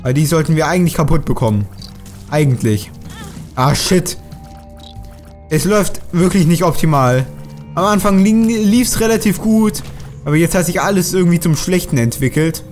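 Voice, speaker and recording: In a let's play, a man chats about his own gameplay, grumbling and swearing at enemies as he goes. His voice is on the high side and darkish, he talks a little fast, and faint music plays behind.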